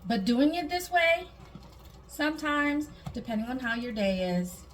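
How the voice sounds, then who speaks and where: A woman's voice: sits high, very animated, a little slow. A woman from Guam, hosting a casual home cooking demonstration and chatting through each step with small asides. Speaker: home cooking video host. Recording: clear background noise, room ambience.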